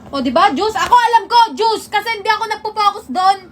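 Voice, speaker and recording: A high-voiced woman rattles off probing, accusing questions at her partner in a casual squabble. She talks quickly and keeps pressing. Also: animated, slight background noise.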